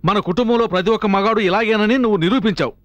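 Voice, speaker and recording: A man's voice: high-pitched, rapid-fire, no echo, lightly acted. A blustering middle-aged father, played by an actor, scolds his son at a breakneck clip in a raised voice. The dialogue is dry and close, with film music beneath. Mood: scolding.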